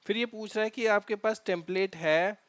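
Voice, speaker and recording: A man walks through a cloud tutorial on a screen share, pausing often on fillers and restarting his sentences. His voice sits fairly high and comes across smooth and resonant. The recording is close and dry. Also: a bit bright, dry recording. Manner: halting, many fillers and restarts. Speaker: DevOps tutorial instructor.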